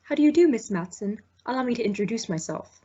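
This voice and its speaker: A woman with a fairly high, dark-toned, natural voice speaks fast and expressively, acting as a stuffy, worried male executive in an old-time radio mystery. Her formal, hesitant delivery feels uneasy, and the dull lo-fi audio carries slight hiss or hum.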